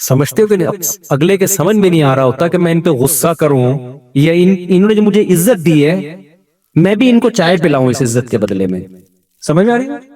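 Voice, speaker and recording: A man, an Islamic scholar, giving a casual religious talk and acting out the people in his anecdotes. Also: fairly high pitch. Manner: animated storyteller who acts out others' speech.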